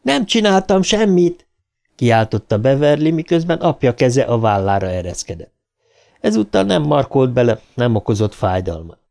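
A male audiobook narrator delivering a dark novel with dramatic tension. His voice is warm and mellow at an average pitch, rising as scenes grow tense. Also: very animated, gravelly. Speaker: audiobook reader.

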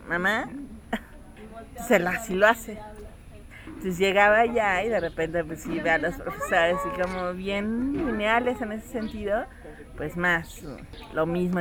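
A woman telling a family story in casual chat, acting out the voices of her child and others. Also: fairly low pitch.

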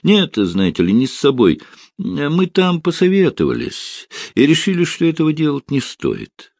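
A man voicing a sly, unflappable male businessman in an audiobook, speaking in a soft, coaxing way. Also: a little high, wildly swooping pitch, moderate pace, creaky, no room sound, clean studio sound, voice pushed up, exaggerated voice.

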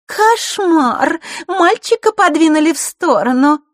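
A woman's voice: very high-pitched, big pitch swings, unhurried, no room sound, clean studio sound, pitched above the performer's own voice, heavily acted. Woman doing a sneering singsong teen girl. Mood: mocking. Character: spiteful mocking teenage girl.

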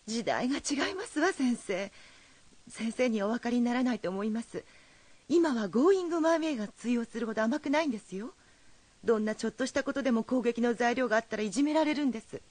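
A woman voicing a fretful, formal mother in a drama, polite on the surface and pressing underneath. Her voice is slightly high and a little breathy, and the sound is dry and close. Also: lively intonation, fast talker, a little mellow, no room sound. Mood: insistent. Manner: polite, formal speech turning insistent. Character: anxious, proper mother fretting over her son. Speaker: worried mother.

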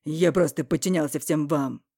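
A woman voicing a scheming, mocking young man in an audiobook, speaking loudly and evasively. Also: low voice, normal speed, gravelly, husky, no echo, clean studio sound, full character voice. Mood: defiant. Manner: loud, evasive, sneering. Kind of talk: audiobook character reading.

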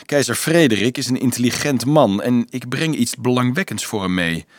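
Man reading as a teasing young male student, mid-pitched, dry close sound; storybook role. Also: expressive, normal speed, no room sound, close to an everyday voice. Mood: wry. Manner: light, teasing, evasive.

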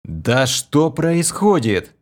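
A man's voice: fairly high pitch, big pitch swings, slow, darkish tone, pitched above the performer's own voice, exaggerated voice. A man voicing a frightened, guilty young woman who pleads and apologizes, in a raised voice, in an audiobook. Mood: dazed. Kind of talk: audiobook character voice.

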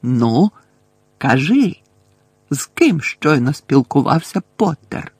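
A man reading an audiobook voices a cruel, sugary middle-aged woman professor who speaks slowly with gloating, breathy menace. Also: mid-range voice, very animated, dry recording, heavily acted. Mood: triumphant.

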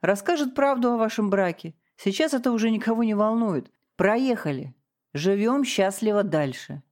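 A woman's voice: mid-range voice, lively intonation, moderate pace, a little mellow, voice pushed up, lightly acted. Harsh, cold husband read by a woman narrator; sarcastic, cutting. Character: harsh domineering middle-aged husband. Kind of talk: audiobook character reading.

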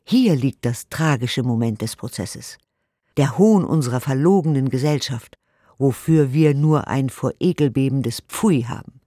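In a dry, studio-quality recording, an actor voices an earnest, indignant woman in a radio play, reading 1890s letters and commentary with emphasis and clear articulation. Her bass voice is unhurried and mellow, carrying strong indignant conviction through the dramatic recitation.

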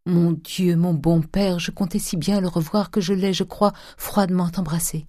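Reader playing heartbroken young guy, anguished, pleading, dark dry sound. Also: mid-range voice, steady tone, moderate pace, no echo, voice pushed up, lightly acted. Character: grieving young man, distraught.

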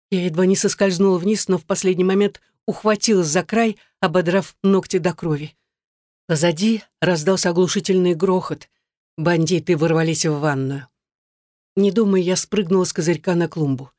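A woman's voice: on the low side, normal speed, mellow, dry recording, studio quality. A woman reading a dramatic first-person story aloud. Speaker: narrator.

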